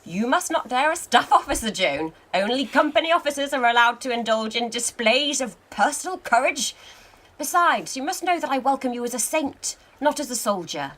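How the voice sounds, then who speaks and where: In a radio play, a woman plays a wry, seasoned male French army commander, delivering her lines in a measured, commanding, theatrical way. Her voice is high-pitched and a bit bright, with lively intonation.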